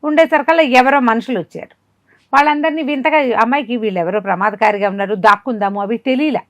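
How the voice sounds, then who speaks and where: Speaking fast in a slightly high voice with no echo, a woman storyteller tells a listener a folk tale conversationally. Her retelling is animated, and she performs the quoted dialogue herself.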